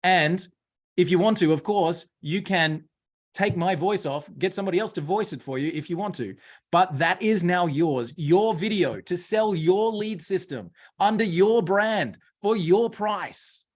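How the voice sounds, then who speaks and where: An Australian man runs a live webinar in a somewhat high voice. He clicks through his screen as he goes and gives viewers direct, coaching instructions. His tone stays practical and upbeat. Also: measured pace. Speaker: host.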